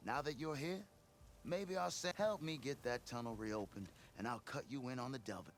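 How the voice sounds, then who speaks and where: An actor playing a blustering, scheming expedition boss in a video game, with the theatrical, wheedling patter of a petty crook. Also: male voice, mid-range voice, normal speed, slight background noise, natural voice. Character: blustering, scheming male chief delver and expedition leader. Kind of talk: video game character acting.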